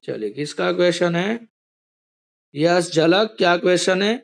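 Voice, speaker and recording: A man's voice: sits high, unhurried, vocal fry. A man teaching an online class, patiently explaining step by step over a video call.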